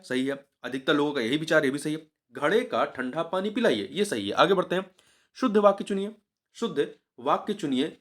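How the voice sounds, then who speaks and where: A man with a slightly raised pitch teaches like an exam coach, working through a grammar test paper question by question. He talks patiently, repeating each answer and spelling words out syllable by syllable.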